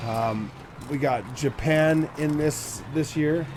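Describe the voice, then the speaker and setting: A man in his forties talks slowly in a slightly high voice as he plays a racing game for his gaming channel. His casual commentary wanders and is full of fillers, set against background noise and racing engine sounds.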